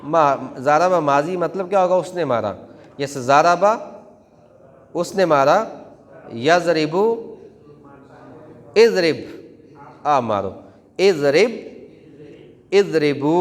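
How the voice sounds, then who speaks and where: A man teaching a Quran class in a mosque, chanting verb conjugations in a rhythmic classroom drill. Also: a little high. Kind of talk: classroom Arabic grammar drill. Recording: long hall reverb.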